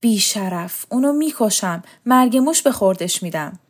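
A devoted old manservant with a hot temper, his words coming in quick agitated bursts, read by a woman storyteller. She keeps him near her own voice. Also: a little high, animated, a little mellow, voice pushed up, lightly acted.

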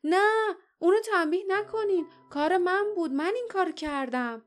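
A woman's voice: very high-pitched, faint music behind, pitched above the performer's own voice. A woman voicing a brave young boy who speaks up urgently.

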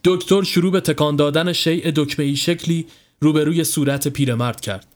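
A man narrating a scripted horror story in a steady, dramatic manner. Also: a little high. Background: faint music.

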